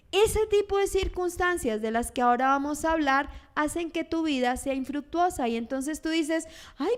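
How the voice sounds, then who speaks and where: High-voiced woman pastor preaching. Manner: animated, acts out churchgoers' lines in quoted voices. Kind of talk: sermon.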